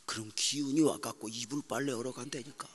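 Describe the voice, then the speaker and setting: A middle-aged man preaching a sermon as pastor, telling stories with strong emotion, moving between loud outbursts and hushed, almost whispered prayer. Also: medium pitch, steady tone, a little fast, husky. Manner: emotional storytelling, swings from shouting to hushed prayer.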